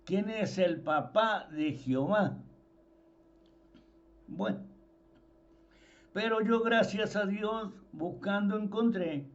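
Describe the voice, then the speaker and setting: Dull, lo-fi audio captures a man preaching informally in a voice that sits high for a man. He talks slowly with lively intonation and leans on repeated words to drive points home.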